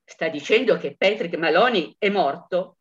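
Woman reading a low, brisk male cop; matter-of-fact, muffled lo-fi recording. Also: lively intonation, breathy edge. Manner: brief, matter-of-fact questions. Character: calm, brisk male police officer. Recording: dull lo-fi recording.

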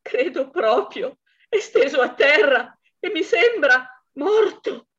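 A woman reading aloud puts on a young wife faking grief in a storybook reading. She pitches up high and frantic, pleading in a breathless rush over a dull, lo-fi recording. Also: expressive, moderate pace, a bit bright.

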